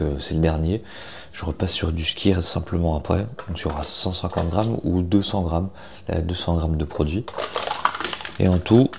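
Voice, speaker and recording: A young man chatting casually in a morning vlog, informal and self-deprecating, with a gravelly morning voice full of vocal fry. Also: deep voice, noisy background. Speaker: vlogger.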